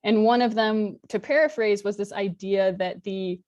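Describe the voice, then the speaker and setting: Steady and medium-pitched at a normal pace, this darkish-toned voice belongs to a woman in her thirties from Alaska, United States. She gives a relaxed, friendly online lecture with a few fillers, using her laptop's webcam mic on a video call in a home room with a virtual background.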